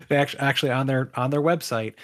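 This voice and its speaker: A man's voice: medium pitch, fairly bright tone. A man co-hosting a board game podcast in casual chat, telling stories and laughing often. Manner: laughing, chatty storytelling. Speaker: podcast co-host.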